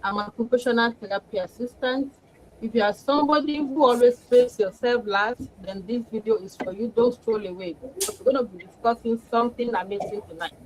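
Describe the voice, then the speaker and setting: A woman's voice: fairly high pitch, animated, brisk, slight background noise, poor audio. Eager woman urging viewers. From Nigeria. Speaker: panelist. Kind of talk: live-stream talk.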